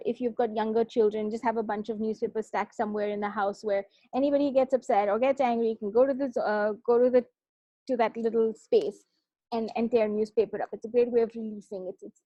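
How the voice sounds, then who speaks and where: A woman working as a parenting coach, giving a conversational talk on calming down, and she often asks "right?" as she goes. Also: on the high side, dry recording, highs cut off. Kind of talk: talk on self-regulation.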